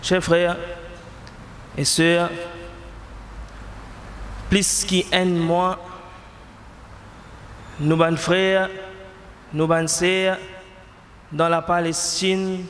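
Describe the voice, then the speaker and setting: A man's voice: sits high, flat delivery, very slow, pauses often, fairly bright tone, long reverb tail, slight background noise. A man in his thirties with a Mauritian Creole accent, preaching a Friday sermon in a mosque at a stand mic. He asks rhetorical questions with passion and shifts into Arabic recitation. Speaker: imam. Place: mosque prayer hall, indoors. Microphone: stand mic close to mouth.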